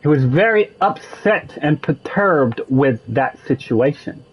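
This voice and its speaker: A man talks slowly over gameplay, wandering from thought to thought and restarting his sentences. His voice sits a bit high, and the sound is slightly dull with faint music underneath. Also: expressive, slightly rough. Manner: musing, digressive, with frequent restarts. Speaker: gaming streamer. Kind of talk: casual rambling commentary over gameplay.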